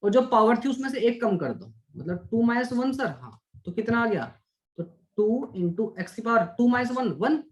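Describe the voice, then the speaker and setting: A man's voice: very high-pitched, expressive, moderate pace. Chatty male maths teacher. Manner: chatty, asks questions and answers them for his students; coaxing, calls students "beta". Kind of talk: online maths lecture.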